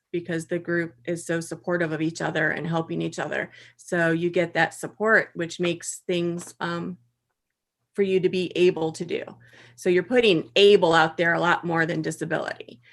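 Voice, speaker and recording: A woman with a fairly low voice answering on a panel in a hesitant way, pausing often and filling gaps with ums. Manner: hesitant, many pauses and ums.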